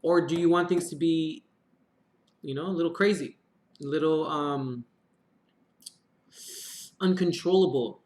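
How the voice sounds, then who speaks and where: A man's voice: a little high, measured pace, pauses often, darkish tone. Chatty man reading tarot in an echoey room. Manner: chatty, swears casually, murmured prayers to draw cards. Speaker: tarot reader. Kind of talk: casual live-stream tarot reading. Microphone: live-stream mic.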